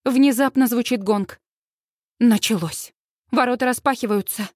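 A woman narrates a first-person audiobook in a fairly high voice. Her reading is lively and expressive. The recording is dry and close. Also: a little slow, no room sound.

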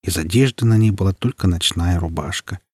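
A man narrates an audiobook in a steady, ominous manner. His voice is low and husky. The recording is dry and close. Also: no room sound. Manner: measured, ominous storytelling.

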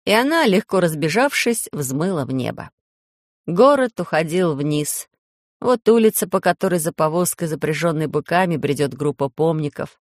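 A woman's voice: low-pitched, animated, moderate pace, no room sound. A woman narrating a children's story expressively into a close mic. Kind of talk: audiobook narration.

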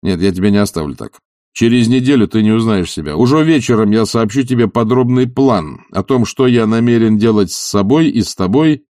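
A man voicing a decisive, energetic friend who gives orders in a brisk way. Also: on the low side, no room sound, studio quality, close to an everyday voice.

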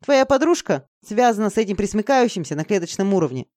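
A man's voice: high voice, very animated, fast talker, a little mellow, no room sound, studio quality, pitched above the performer's own voice. A reader voicing Jeff, a smug, arrogant male wizard who lectures and gloats in an audiobook. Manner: lecturing, triumphant.

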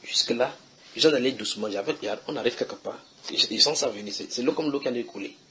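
A man's voice: mid-range voice, fast, sharp tone, slight background noise. A man preaching at a house church, reading Bible verses and questioning his listeners in a conversational way.

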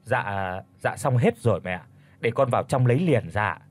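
A man's voice: medium pitch, animated, normal speed, close to an everyday voice. A man voicing a meek young daughter-in-law of thirty who stammers politely and pleads. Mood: timid. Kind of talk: audiobook character voice.

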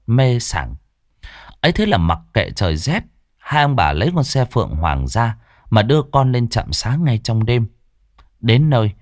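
Man, ghost-story narrator, low pitch, dramatic slowdowns, dry recording. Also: no echo.

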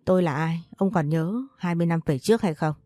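A woman reading a story aloud, voicing a calm, quietly defiant male chauffeur who answers his master without flinching. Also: on the low side, fast talker, no echo, clean studio sound, close to an everyday voice.

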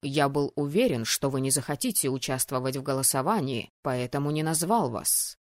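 A stern, cold male dean of a magic academy, giving short, commanding orders in a formal tone, as a woman narrator drops her voice low to play him. The voice sits clearly deeper than the narration around it. The recording is close and dry, with no room sound. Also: animated, normal speed, dry recording. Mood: curt. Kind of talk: audiobook character voice.

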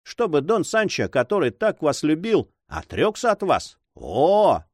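A man's voice: a little high, wildly swooping pitch, unhurried, a little mellow, no room sound, studio quality, full character voice. A man reading aloud, voicing a respectful, eager male messenger addressing a lady. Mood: earnest.

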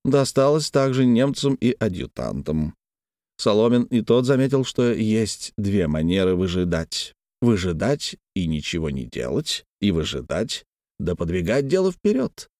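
Мужской голос, литературное чтение, размеренно, близкий микрофон. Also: male voice, on the low side, no echo, clean studio sound. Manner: expressive, measured reading. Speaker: audiobook narrator. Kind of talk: scripted literary narration.

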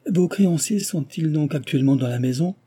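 A man's voice: fairly high pitch, lively intonation, brisk, dark tone, slightly rough, pitched above the performer's own voice. A man doing an earnest young heiress. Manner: earnest, urgent, imploring.

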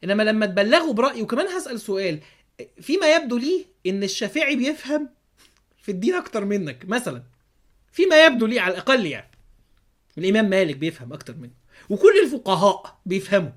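Man, Egyptian accent, podcast host, rapid speech, sarcastic, keeps asking rhetorical questions. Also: high-pitched, big pitch swings. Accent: Egyptian Arabic. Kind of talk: religious commentary monologue.

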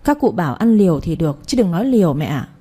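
A woman's voice: fairly low pitch, big pitch swings, fast, mellow, breathy edge. A woman voicing a young wife who defends herself earnestly and politely. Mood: indignant.

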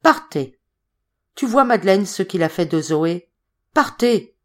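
A woman's voice: mid-range voice, lively intonation, unhurried, a little mellow, close to an everyday voice. A woman voicing a grim old man who gives curt, lugubrious orders, in an audiobook reading. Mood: commanding.

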